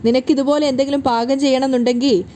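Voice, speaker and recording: A woman's voice: high-pitched, steady tone, quick pace, warm tone, slight background noise, natural voice. A woman voicing a teasing middle-aged man who mocks his nephew in a retold serial. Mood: mocking. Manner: mocking, teasing.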